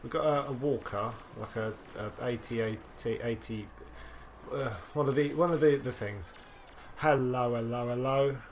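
A young man commentating on his own gameplay, excitable, talking to himself and swearing freely as he plays. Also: mid-range voice, moderate pace, slight background noise. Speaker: gaming video host.

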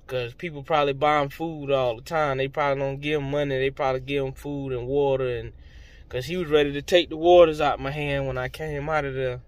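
A man's voice: medium pitch, steady tone, brisk, clear, resonant tone, no room sound. Emotional young man vlogging. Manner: emotional, heartfelt, slangy and rambling. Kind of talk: casual vlog talk to camera.

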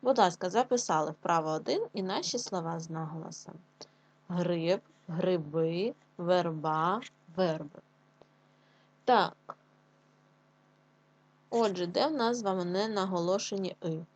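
A woman with a soft, breathy voice gives an online lesson to young pupils. She dictates slowly and clearly, leaning on each stressed syllable so the children can write along. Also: medium pitch. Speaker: primary school teacher.

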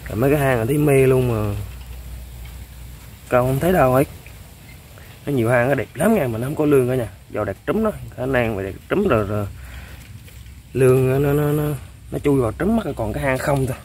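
Fishing by a river, a man comments excitedly to his viewers in a casual way, often exclaiming and chuckling. He is a fishing vlogger with a medium-pitched voice, fairly quick pace, long pauses and slight background noise outdoors.

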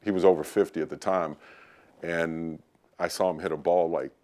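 A middle-aged man interviewed at home, talking in a relaxed, reflective way with hesitant fillers. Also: sits low, moderate pace. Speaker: interviewee, son of a ballplayer. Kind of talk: casual interview.

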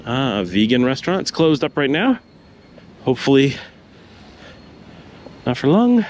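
A man's voice: medium pitch, very animated, unhurried, darkish tone, slight background noise. A man giving casual commentary on a walking tour through city streets, pointing out shops as he walks. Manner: chatty, pointing things out as he walks. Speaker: vlogger.

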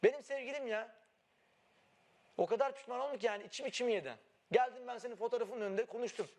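A man's voice: extremely high pitch, fast talker. A young man in a reality show house, pleading with his partner and full of regret. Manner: pleading, repetitive, remorseful. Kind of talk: emotional heart-to-heart. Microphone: wireless body mic.

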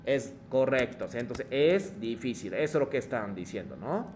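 A man's voice: mid-range voice, lively intonation, normal speed, darkish tone, a little hiss or hum. A man teaching Japanese in Spanish, explaining patiently and checking in often with the class. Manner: mixes Japanese phrases into Spanish. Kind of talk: online language lesson.

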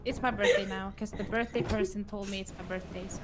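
A woman's voice: mid-range voice, fairly even intonation, fast. A woman chatting casually with fellow players in a game, dry and playful in manner. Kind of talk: casual gaming chat. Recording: voice chat with clear noise.

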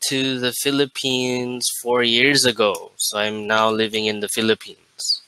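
An American man in his late twenties tutoring English on a video call, relaxed and laughing often. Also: mid-range voice, measured pace, clean tone, poor audio. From United States. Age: 20s. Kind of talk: casual video call chat. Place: indoor room.

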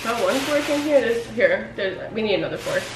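A young woman joining a friend's eating vlog at home, relaxed, with short reactions and quick little stories. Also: fairly high pitch, far from the mic, noisy background. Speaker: guest friend. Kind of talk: casual chat while eating. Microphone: camera on small tripod. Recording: echoey room with faint music.

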